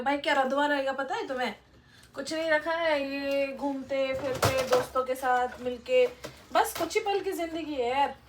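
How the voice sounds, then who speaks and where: A woman's voice: high voice, a bit bright. A young woman vlogger giving blunt, lecturing motivational advice, talking straight to her viewers. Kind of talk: motivational casual talk to camera.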